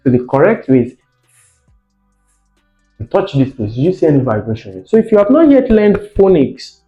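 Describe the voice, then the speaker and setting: Speaking at a moderate pace, this man has a fairly high, very animated voice as he teaches, asking questions and stressing key words by repeating them in a didactic way. The room sounds echoey and muffled, and soft music plays behind him.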